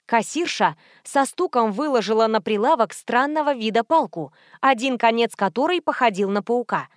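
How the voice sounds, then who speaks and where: A woman narrating a first-person audiobook in a lively, wry storytelling manner. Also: a little high, moderate pace, no echo, studio quality.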